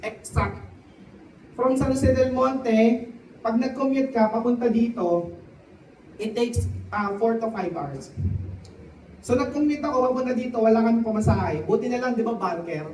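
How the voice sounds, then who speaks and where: A man giving a motivational testimony to a live audience, often turning to the crowd with quick questions. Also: extremely high pitch, darkish tone, a little hiss or hum. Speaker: testimonial speaker at a sales event. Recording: echoey hall, voice from a distance.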